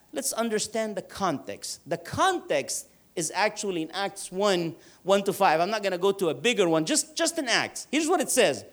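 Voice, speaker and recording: Man preaching a sermon. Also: high voice. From Egypt. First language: Arabic. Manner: earnest, emphatic with slow drawn-out stresses. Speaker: pastor.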